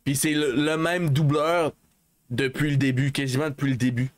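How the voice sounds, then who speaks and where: In a relaxed gaming stream, a Québécois French-accented man spins a meandering story, restarting himself and filling gaps with filler words. His mid-range voice stays level and his pace is normal.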